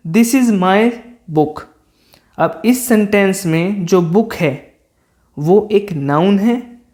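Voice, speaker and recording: A teacher giving an exam-prep English grammar lesson in Hindi, slowing down to read out English word pairs and example sentences, recorded as a close-mic voice-over. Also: mid-range voice, a little mellow.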